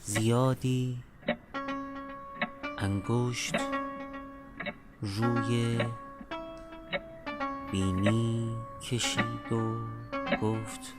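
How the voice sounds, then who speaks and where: A man telling a literary tale in a dramatic, deliberate way, phrase by phrase. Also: mid-range voice, level tone, loud music behind the voice.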